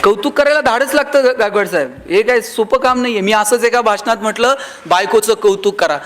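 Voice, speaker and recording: A man's voice: high voice, fairly quick, fairly bright tone, a little hiss or hum. A man giving a motivational speech to a live audience, telling humorous stories and acting out the voices of the people in them. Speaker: motivational speaker.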